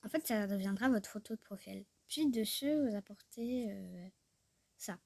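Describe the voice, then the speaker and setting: A woman's voice: medium pitch, unhurried, gravelly, a little mellow, no room sound. A woman chatting casually through a tutorial, rambling, talking to herself and often dropping to a murmur. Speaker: YouTuber showing a tutorial. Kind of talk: casual screen-recorded tutorial chat.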